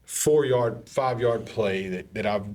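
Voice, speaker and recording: A man chatting casually on a podcast, animated and laughing through stories. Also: lowish voice, slow. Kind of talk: casual chat.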